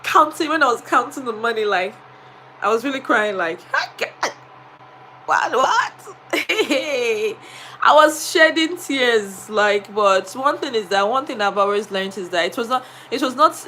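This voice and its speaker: A woman's voice: medium pitch, a bit bright, a little hiss or hum. A woman with a Nigerian accent, a teacher, chatting on a live stream and telling a story with many fillers. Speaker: vlogger and teacher.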